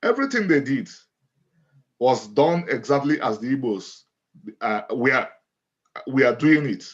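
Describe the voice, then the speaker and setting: A middle-aged man with a Nigerian accent tells his story as an interview guest. He speaks in a measured, deliberate way at an ordinary pitch and often restates a phrase. The audio is dull and lo-fi. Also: lively intonation. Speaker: guest, author and lawyer.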